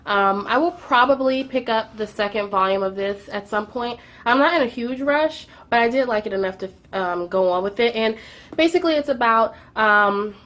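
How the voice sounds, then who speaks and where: A young book vlogger chats casually through her monthly reading wrap-up, sounding a bit congested from a cold. Her voice is a little high with a fairly bright tone, and she says "um" often and doubles words for emphasis.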